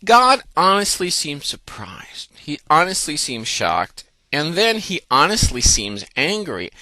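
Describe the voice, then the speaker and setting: Prof guy lecturing, jokes around a lot, bright tone, dry close sound. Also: mid-range voice, dry recording. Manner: playful, jokey, acts out the text. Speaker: university professor. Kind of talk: lively university lecture. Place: classroom.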